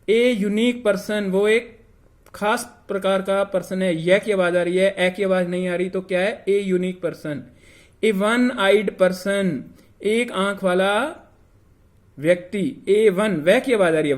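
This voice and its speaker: Slow, high-voiced male grammar teacher. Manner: repeats example words slowly and deliberately; mixes English phrases into his explanation. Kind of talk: classroom lesson explaining grammar rules.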